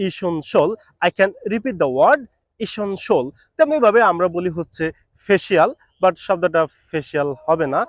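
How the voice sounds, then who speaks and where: Slow, careful Bengali-speaking English teacher. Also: male voice, high voice, no echo. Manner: repeats each word slowly, stressing the target sound; sets the common mispronunciation against the correct one. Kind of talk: pronunciation lesson, mixing Bengali and English.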